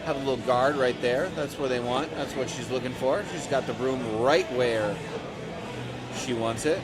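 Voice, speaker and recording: A man calls curling play-by-play at a shared desk mic, relaxed and halting, with plenty of fillers. His pitch sits in the middle, and music plays behind him. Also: poor audio. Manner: relaxed, hesitant with many fillers. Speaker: play-by-play commentator. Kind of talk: casual sports commentary. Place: indoor curling center.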